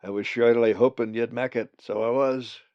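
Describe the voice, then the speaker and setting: A man voicing a warm old male raven with a Scottish accent and a broad, cheerful brogue. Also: medium pitch, steady tone, brisk, no echo, close to an everyday voice. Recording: dull dry lo-fi recording.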